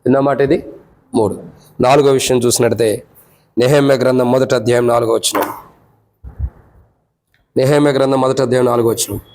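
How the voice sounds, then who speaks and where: A man with a Telugu accent preaching at a church prayer meeting. He teaches by numbered points and questions to the congregation, and his voice climbs high when he voices the lament. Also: steady tone, a little fast, pauses often, darkish tone, rough recording. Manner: rises sharply in pitch when voicing the lament.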